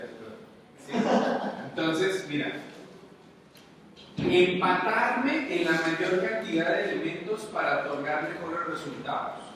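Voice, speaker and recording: A man's voice: fairly high pitch, a bit bright. A man with a Mexican accent giving a motivational lecture to an audience, talking conversationally and asking them questions all the time. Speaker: conference speaker. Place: large conference hall. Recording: very echoey hall, distant, faint noise.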